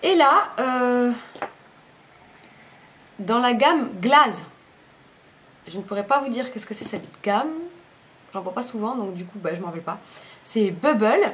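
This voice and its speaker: A woman's voice: a little high, lively intonation, a little slow, long pauses, a bit bright, slight background noise. A woman, chatting casually through a makeup review, rambling and often correcting herself mid-sentence. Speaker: beauty vlogger.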